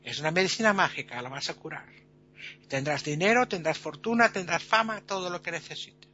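Guy doing death the godmother, stern and solemn, highish bright voice. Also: dull audio. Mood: solemn, hushed. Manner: solemn, measured warnings, later scolding.

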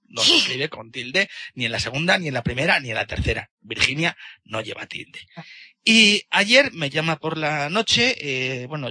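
Gravelly bright-voiced man. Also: mid-range voice. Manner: indignant, hesitant with many restarts. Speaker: participant in a discussion. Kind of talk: casual debate talk.

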